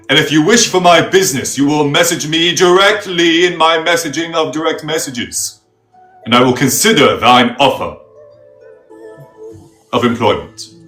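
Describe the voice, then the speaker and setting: A man's voice: on the high side, fairly bright tone, reverberant. A man playing a pompous, self-styled pickle priest who makes grandiose pronouncements in mock-archaic speech. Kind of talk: comedic character interview.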